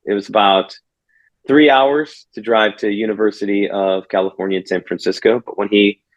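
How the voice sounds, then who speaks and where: A man's voice: lowish voice, fairly even intonation, normal speed, highs cut off. A man, a pastor, telling a personal story in an interview, earnest and reflective, often restarting his phrases. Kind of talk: conversational storytelling.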